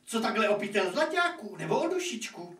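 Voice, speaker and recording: A man's voice: high-pitched, very animated, pushed and bright, exaggerated voice. A man voicing a haughty, sly devil doctor, a theatrical villain who rules hell in a puppet show. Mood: sly, tempting. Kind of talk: puppet theatre fairy-tale acting. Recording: echoey room, distant microphone, noisy.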